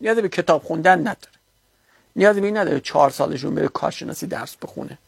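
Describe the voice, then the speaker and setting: A man's voice: a little high, vocal fry, husky, no echo. Dry-sounding man giving an argumentative religious lecture. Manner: argumentative, rising to heated rebuttal.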